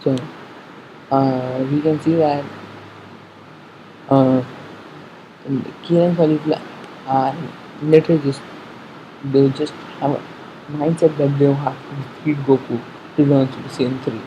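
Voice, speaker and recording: A fan giving casual commentary on an episode preview, haltingly thinking aloud, repeating and correcting themselves, on a muffled recording. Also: mid-range voice, level tone. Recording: muffled sound with faint background noise.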